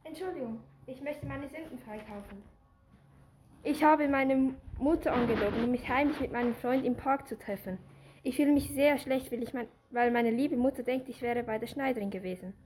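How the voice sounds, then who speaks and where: A woman's voice: high-pitched, moderate pace, darkish tone, slight background noise, natural voice, poor audio. A woman playing a guilty, frightened young daughter in love, pleading anxiously in an amateur audio play.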